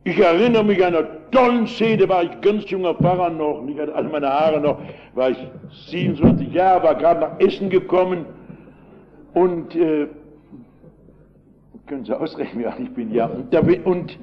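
An older male pastor preaching a sermon with emphatic storytelling, moving between loud and quiet delivery. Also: on the high side, lo-fi sound.

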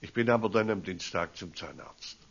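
A man, a pastor preaching a storytelling sermon in a slow, deliberate way. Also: low voice. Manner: slow, deliberate, animated rises and drops. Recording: dull lo-fi recording.

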